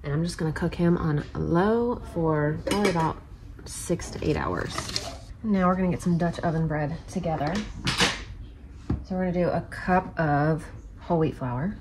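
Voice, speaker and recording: This is casual kitchen vlog narration from a homemaking vlogger in her thirties, who thinks aloud while cooking indoors at home. She speaks in a low voice at normal speed, against a noisy backdrop of clicking sounds.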